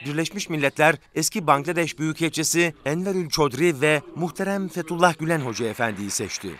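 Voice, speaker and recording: Higher-voiced male news narrator over background noise. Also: a little fast, fairly bright tone.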